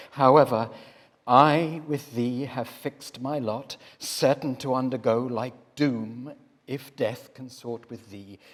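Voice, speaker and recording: A man voicing Adam, the first man, devoted and torn, in an impassioned dramatic verse reading that swings from hushed to loud. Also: mid-range voice, slightly rough. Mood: resolved. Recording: long hall reverb.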